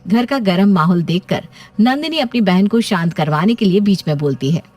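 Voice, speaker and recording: A woman storyteller narrates a scripted story at a normal speed, her medium-pitched voice darkish in tone and lively in intonation. Soft music plays in the background.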